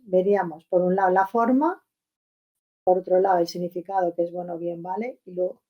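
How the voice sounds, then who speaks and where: A woman gives an online language lesson through a computer mic. Her voice sits slightly low, and her explanations run on in a friendly, unhurried rhythm full of fillers and rhetorical questions. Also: highs cut off. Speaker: Chinese language teacher. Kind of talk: webinar lesson.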